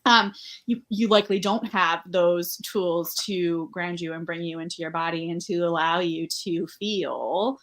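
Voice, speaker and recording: A woman's voice: lowish voice, measured pace. A woman guest on a podcast, talking in an upbeat, chatty way with lots of "like" fillers. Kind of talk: casual conversational interview.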